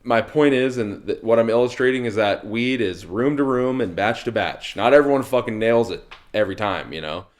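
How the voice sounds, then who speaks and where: A man's voice: mid-range voice, normal speed, hardly any pauses. A man chatting casually in loose, sweary stoner talk. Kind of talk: casual chat.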